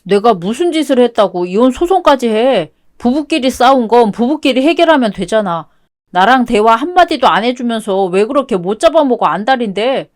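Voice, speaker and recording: A whiny, clingy young husband who keeps begging in a plaintive, higher-pitched voice, read by a woman. The web-toon radio drama reading is kept light, with the whining carrying the character. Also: animated, normal speed, close to an everyday voice. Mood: defensive.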